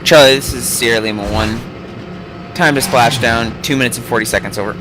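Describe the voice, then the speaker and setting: A man's voice: medium pitch, brisk. A man giving formal, clipped military radio calls as a commander in an online simulation, over a crackly radio-style voice link. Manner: clipped, formal call-sign phrasing.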